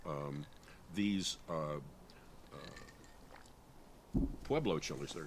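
A man, a guest expert on chili peppers from New Mexico, explaining in casual chat with many ums and pauses while his eyes water from the heat. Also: a bass voice, slight background noise. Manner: halting, many ums and uhs.

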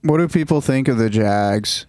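A man's voice: mid-range voice, lively intonation, normal speed, a little mellow, no room sound. A young man teasing his friends with dry humor in a casual podcast chat.

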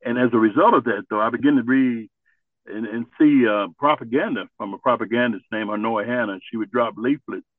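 An older man from Ohio, a Vietnam veteran, telling his life story in an interview in an earnest, halting way. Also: mid-range voice, no room sound. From Ohio, USA. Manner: earnest, halting, searching for words. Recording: tinny phone-like line.

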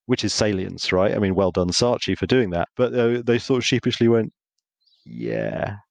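A man, a podcast guest, explaining marketing in a relaxed way and acting out short dialogues as he tells anecdotes. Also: lowish voice, brisk. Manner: lively storyteller, acts out little dialogues. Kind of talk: conversational explaining.

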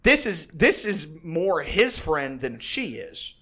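A man's voice: on the high side, very animated, slow pace, pushed and bright. A young man telling a story in a casual, profane, rambling way, full of fillers and restarts and laughing often.

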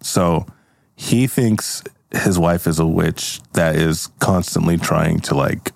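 A man hosting an improv comedy show, casually brainstorming a story out loud. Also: low-pitched, slow, vocal fry, no echo, studio quality. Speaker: improv comedy podcast host.

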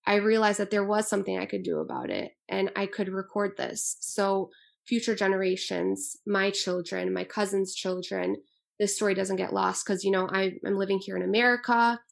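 A woman's voice: medium pitch, little pitch movement, moderate pace, creaky. A woman in her twenties, born in Albania, speaking as an author in an earnest, thoughtful interview. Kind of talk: interview answers.

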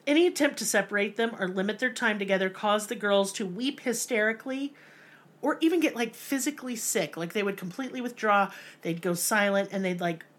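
A woman's voice: medium pitch, a little fast. A woman hosting a casual podcast, telling a true story with profane jokes and mock voices. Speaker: podcast host.

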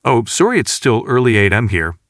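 A man reading the part of a male station chief scientist in an audiobook, explaining things in a calm, measured way. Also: medium pitch, no echo, clean studio sound.

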